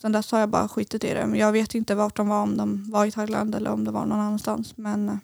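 Young woman podcast guest, gravelly voice, dry close sound, halting and full of fillers. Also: mid-range voice, completely flat delivery, a little mellow, dry recording. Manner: hesitant, many fillers, speeds up and slows down. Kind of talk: personal story in casual conversation.

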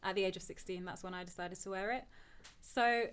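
Speaking fairly quickly in a clear, resonant, medium-pitched voice with a steady tone, a young woman reflects on her life in a casual podcast conversation. Born in Turkey, she came to England when she was ten and is now a PhD student appearing as a guest.

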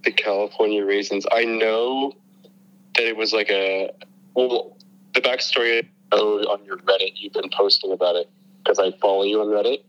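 A man's voice: lowish voice, steady tone, normal speed, a bit bright. A man on a phone call over speakerphone, chatting casually and denying things firmly in a laid-back way. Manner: laid-back, says dude, firm denials. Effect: heard over a phone on speakerphone. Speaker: friend called on speakerphone.

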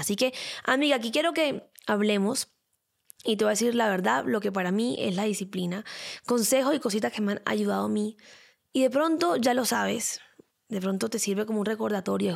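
A young woman hosting her own podcast, chatting in an expressive way and repeating words for emphasis. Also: a little high, gravelly. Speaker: podcast host. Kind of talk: casual solo podcast talk.

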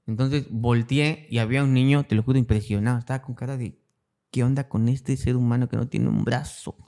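A man's voice: medium pitch, steady tone, brisk, vocal fry, dark tone. A young adult man with a Mexican Spanish accent, a guest speaking in a casual interview who tells his story and acts out the voices of people in it. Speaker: guest, cancer survivor.

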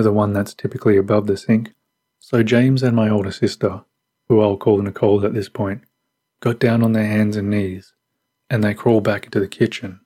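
A man narrating a scary true story in a measured, suspenseful way. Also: fairly low pitch, dark tone, breathy edge. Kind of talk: scripted horror story narration.

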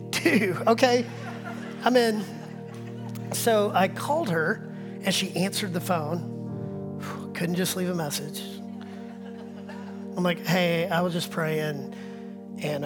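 Pastor preaching over soft music. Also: male voice, on the high side. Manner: storytelling with acted-out dialogue, swinging between quiet whispers and louder bursts. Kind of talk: sermon. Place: church.

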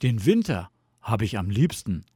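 A man's voice: fairly low pitch, sing-song, unhurried, dark tone, husky, no echo, studio quality, exaggerated voice. A man voicing a sleepy, good-natured big male bear in a storybook reading, drowsy and easygoing.

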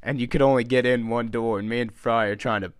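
A young man hosting a podcast with friends, telling high school stories in casual chat, animated and laughing, with frequent swearing. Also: quick pace, dry recording. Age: young adult. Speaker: podcast host.

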